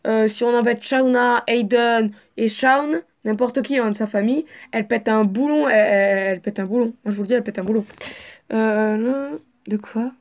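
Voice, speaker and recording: Chatty young woman, slightly high. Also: moderate pace. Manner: chatty, rambling, swears freely. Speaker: storyteller reading her own story. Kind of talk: casual story reading with asides.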